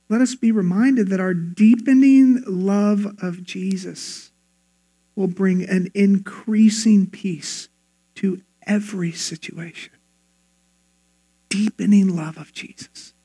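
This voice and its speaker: A man's voice: sits high, slow pace, dark tone, husky. A male pastor preaching a sermon in an earnest, conversational way. He often repeats words as he starts his phrases.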